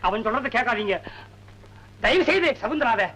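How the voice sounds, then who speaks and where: A coaxing, meddling village neighbor. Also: male voice, very high voice, lively intonation, moderate pace, pushed and bright, exaggerated voice. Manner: coaxing, pleading. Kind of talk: 1970s film acting.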